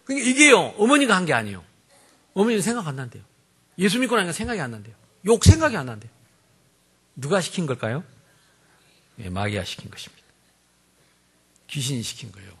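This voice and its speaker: Lively, high-pitched preaching man. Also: quick pace, long pauses, slightly rough. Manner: animated, humorous preaching, swinging from loud to soft. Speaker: pastor. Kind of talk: sermon.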